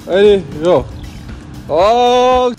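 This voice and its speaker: A man hosting a street challenge outdoors, giving excited commentary full of exclamations and swearing. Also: sits high, very slow. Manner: animated exclamations, profanity, frequent laughing. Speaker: challenge host filming strangers. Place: outdoors in public parks. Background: music.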